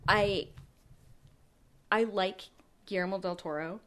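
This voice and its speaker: A woman's voice: medium pitch, steady tone, takes it slowly, fairly bright tone. A woman in a casual movie chat who sounds tipsy and sleepy, talking loosely, giggling and hedging.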